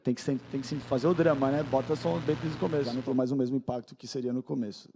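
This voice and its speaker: A Brazilian man giving an informal, unscripted talk at an event, sounding hungover, low-key and candid. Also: fairly even intonation, rapid-fire, background noise. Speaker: guest speaker, business founder. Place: on stage at an event, talking to an audience.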